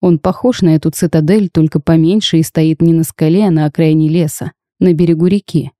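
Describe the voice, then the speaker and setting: A cursed dragon duke from a storybook, cold, curt and even-voiced, as a woman reads him. The tone is dark, mellow and fairly low. It is recorded dry and close. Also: brisk, no room sound, natural voice. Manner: flat, terse, reserved.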